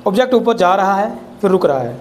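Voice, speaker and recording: A man's voice: sits high, very animated, fast talker. Chatty male physics teacher, teasing class. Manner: chatty, teasing students with rhetorical questions.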